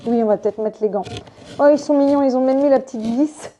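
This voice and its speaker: A young woman who vlogs about her online business does a spontaneous unboxing at home on a desk microphone, chatty and excited, calling her viewers "les gars". Her voice sits high and she talks fast.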